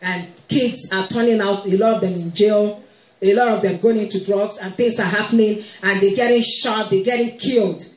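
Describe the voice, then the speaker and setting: A woman's voice: mid-range voice, fairly even intonation, normal speed. A woman preaching a sermon to a congregation, speaking with humor and often laughing. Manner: warm humorous preaching, playfully quoting moms, laughing. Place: church hall. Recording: echoey hall with faint music.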